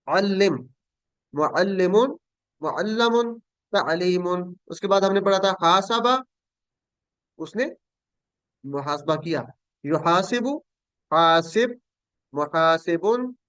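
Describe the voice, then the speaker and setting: A high-pitched man leads an online class, drilling verb forms and repeating each one slowly. His voice is dry and close, with no room around it. He corrects his students patiently. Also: fairly bright tone, dry recording. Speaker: Quran Arabic teacher.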